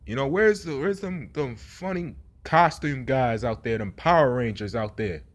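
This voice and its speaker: A man's voice: mid-range voice, normal speed, natural voice. A man voicing a dismissive grown man on the street who brushes off a preacher in a mocking tone. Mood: confused.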